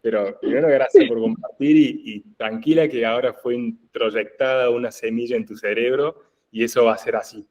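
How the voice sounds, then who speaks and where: A man's voice: mid-range voice, expressive, normal speed, few pauses, darkish tone, muffled recording. Male group facilitator, Rioplatense accent, mid-range voice, didactic and conversational, checks understanding often. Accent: Rioplatense Spanish. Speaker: group facilitator in family constellations.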